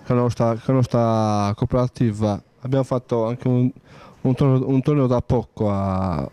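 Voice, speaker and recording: A man chats casually in a mellow, mid-pitched voice. He speaks haltingly and often repeats a word or phrase before moving on. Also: clear, resonant tone, no room sound. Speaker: cooperative member and amateur referee. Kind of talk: casual chat.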